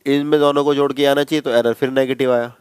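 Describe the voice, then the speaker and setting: A man explains a maths problem to his class, checking in with the students and going over each step again. His voice is smooth and clear at a middle pitch. The recording is dry and close. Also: flat delivery, quick pace, darkish tone, no room sound. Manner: conversational, addresses students as bhai, repeats steps. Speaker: maths teacher. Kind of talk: classroom lecture.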